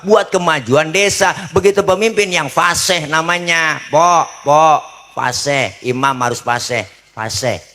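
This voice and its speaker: A middle-aged man gives a comic sermon as a preacher, joking and often asking the crowd for agreement. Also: sits high. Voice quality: bright, lively, joking, asks the crowd for agreement.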